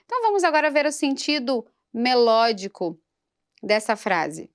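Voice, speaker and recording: A woman's voice: on the high side, sing-song, moderate pace. A woman singing teacher giving a patient vocal lesson for a church program and breaking into short sung demonstrations.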